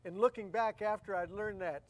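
A woman's voice: medium pitch, normal speed, no room sound. Woman, preacher, sermon, conversational, repeats phrases for emphasis.

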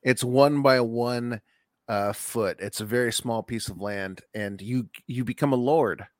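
A man co-hosting a podcast in casual chat, with dry humor and lots of halting fillers. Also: medium pitch, no room sound. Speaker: podcast co-host.

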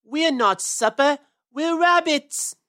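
A woman voicing a frightened, stubborn young boy rabbit who shouts his indignant protests. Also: high-pitched, takes it slowly, dry recording, clean studio sound, voice pushed up. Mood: defiant yelling.

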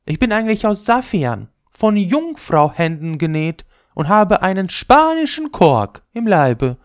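A man's voice: high-pitched, very animated, measured pace, no echo, clean studio sound, pitched above the performer's own voice. A man voicing a vain young female leather ball in a fairy tale, speaking in an affected, self-important way. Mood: wistful. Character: vain, prim young lady ball, high and haughty.

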